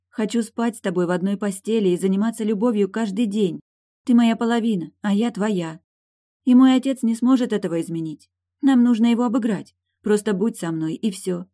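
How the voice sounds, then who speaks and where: A woman's voice: mid-range voice, moderate pace, mellow, voice pushed up, close to an everyday voice. A woman reading an audiobook voices a headstrong young princess in love, eager and insistent. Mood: passionate pleading.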